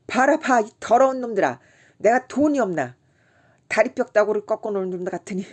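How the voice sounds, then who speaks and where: A woman voicing a loud, drunken middle-aged male rickshaw puller, shouting boisterously in an audiobook. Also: fairly low pitch, lively intonation, normal speed.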